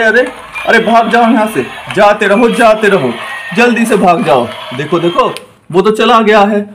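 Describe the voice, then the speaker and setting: A man with a fairly high voice narrates a doll play story. He talks eagerly and exclaims often, repeating his calls to look again and again.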